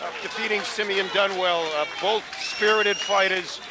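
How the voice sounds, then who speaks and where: High-voiced man calling boxing over roaring crowd. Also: fairly even intonation, normal speed. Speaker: boxing play-by-play commentator. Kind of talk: live sports commentary. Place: ringside at a fight venue. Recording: loud crowd and venue noise.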